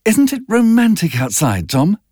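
A restless young society woman, airy and mocking, her voice lifted high and swooping with tense, cynical gaiety, as a male reader puts her on. The recording is dry and close, with no room sound. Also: huge pitch swings, moderate pace, dark tone, dry recording, exaggerated voice. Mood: wistful. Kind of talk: audiobook character voice.

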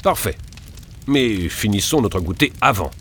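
A man voicing an excitable, hungry boy adventurer in a storybook reading, shouting his exclamations. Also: on the low side, unhurried, a little hiss or hum. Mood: excited.

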